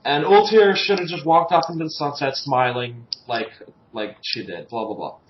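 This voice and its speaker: A man hosting a casual fan podcast, his voice sitting a bit high for a man. He runs through the week's chapters with crude sarcasm and plenty of swearing. The recording is muffled and lo-fi, with an echoey room around him. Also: moderate pace, a little hiss or hum. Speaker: podcast host.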